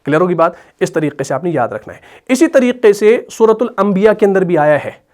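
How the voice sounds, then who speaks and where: A man's voice: sits high, lively intonation, fairly quick, a little mellow. A man with an Urdu accent teaching Quran reading rules in a patient explanatory lesson, often checking that his students understand. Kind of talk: explanatory lesson with slow chanted recitation.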